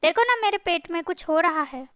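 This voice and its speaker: A woman voicing a gentle, anxious young pregnant wife in a family story. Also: extremely high pitch, expressive, a little fast, dry recording, clean studio sound.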